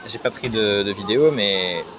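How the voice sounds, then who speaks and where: A man's voice: on the low side, moderate pace, noisy background. A young man vlogging on location outdoors, speaking eagerly to the camera. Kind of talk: on-location vlog talk.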